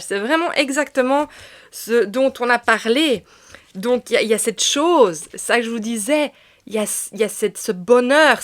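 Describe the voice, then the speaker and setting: A woman giving a casual spiritual tarot reading, speaking softly and sometimes dropping to a whisper, then rising with bursts of excitement. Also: on the high side. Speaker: tarot card reader and medium.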